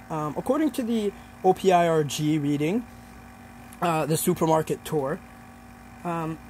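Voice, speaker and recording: Feeling his way through his points, a young adult man gives a hesitant, informal explanatory presentation for class. His pitch is fairly high with a slightly mellow tone, and the recording is rough with slight background noise.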